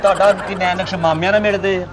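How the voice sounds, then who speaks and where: A man's voice: high-pitched, level tone, fast talker, crowd noise. A man with a Punjabi accent in a comic sketch, complaining with sarcasm and exasperation. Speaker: comedy sketch actor.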